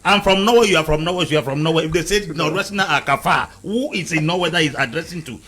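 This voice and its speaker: In a heated panel debate, a man from Cameroon hammers his arguments through emphatic repetition and a lecturing tone. He talks fast in a slightly high, fairly bright voice.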